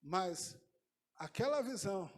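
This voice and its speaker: A man preaches in a church. His delivery is impassioned, dropping to near whispers and then rising to shouted declarations. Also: high voice, expressive, takes it slowly. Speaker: pastor. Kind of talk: sermon. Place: church sanctuary.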